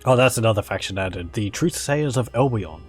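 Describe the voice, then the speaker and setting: A man's voice: fairly low pitch, animated, a little fast, soft background music. A man hosting a casual strategy game playthrough, musing aloud and joking as he plays. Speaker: gaming video host.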